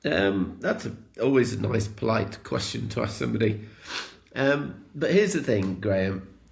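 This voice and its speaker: A man's voice: lowish voice, animated, unhurried, creaky. A man from the British Isles co-hosting a casual talk, candid and rambling. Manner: candid, rambling, with laughs and swearing. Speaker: co-host. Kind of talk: casual conversation.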